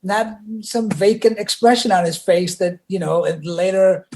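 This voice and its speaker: Animated storytelling man, podcast guest. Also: high voice, moderate pace. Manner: animated, acts out quoted voices, many "like" fillers. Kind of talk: casual storytelling chat.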